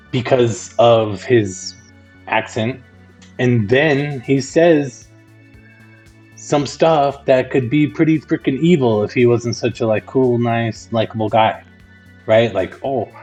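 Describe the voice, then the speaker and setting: A man's voice: medium pitch, darkish tone. A man hosting a podcast, giving casual rambling commentary full of "like" fillers. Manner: rambling, conversational, with frequent "like" fillers. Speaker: podcast host.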